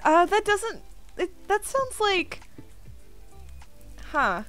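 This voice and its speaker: Young female streamer, high and lively, giggles a lot, reads chat aloud; faint music underneath. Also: extremely slow. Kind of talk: casual gaming stream chat.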